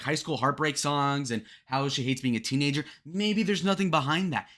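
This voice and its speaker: A man's voice: mid-range voice, bright, forceful tone. A young man in his twenties giving a blunt, rambling breakdown of a song, full of fillers. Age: 20s. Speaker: music commentator. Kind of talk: casual song breakdown commentary.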